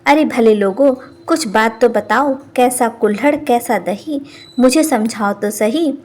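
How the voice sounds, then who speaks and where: A woman's voice: a little high, a little slow, darkish tone. A woman voicing a bossy middle-aged village headman who scolds and commands. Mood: scolding.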